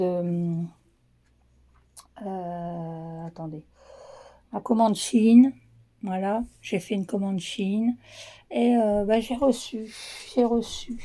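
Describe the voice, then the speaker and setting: Tired woman with a cracked, mellow voice. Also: medium pitch. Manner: halting, drops to a whisper when showing items. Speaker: vlogger. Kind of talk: casual vlog chat to camera. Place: her dressing room, indoors. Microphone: handheld phone camera with ring light.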